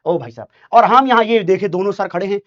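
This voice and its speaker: A man's voice: high voice, brisk. A man tells his students a story about his school days. He tells it with a lot of drama and slips into voices for the people in the story. The recording sounds a little dull and lo-fi. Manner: animated, dramatic storytelling with acted quotes. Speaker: teacher.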